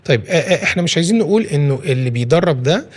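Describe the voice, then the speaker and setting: Egyptian man, parenting guest; quick, explanatory, lots of self-corrections. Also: fairly high pitch, lively intonation. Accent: Egyptian Arabic. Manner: explains with everyday examples, many restarts. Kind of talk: casual studio conversation.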